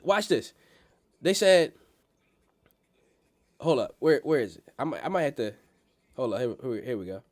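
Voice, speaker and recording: A man's voice: medium pitch, sing-song, normal speed, pauses often, darkish tone. A man with a blocked-nose nasal sound hosting a casual livestream on the stock market, talking in slang and repeating phrases for emphasis. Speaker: livestream host.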